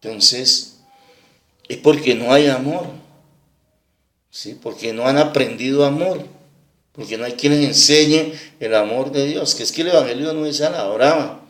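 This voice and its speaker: Pastor preaching in an echoey room. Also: male voice, medium pitch, measured pace, long pauses, fairly bright tone. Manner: tells a story to make his point, asking "¿sí?" again and again. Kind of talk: sermon.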